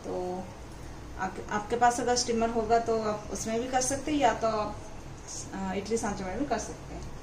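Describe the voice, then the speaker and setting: A woman's voice: a little high, normal speed, noisy background. A woman hosting a cooking channel, explaining each step of a recipe to viewers from her home kitchen. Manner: explains steps plainly, addresses viewers directly.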